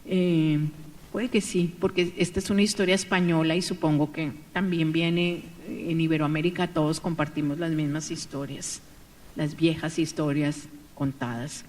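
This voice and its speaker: A woman telling a folk tale aloud at a seminar in a lively way, with asides to her listeners. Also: sits low, moderate pace. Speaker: storyteller. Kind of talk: oral storytelling at a seminar. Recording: echoey hall, voice from far off.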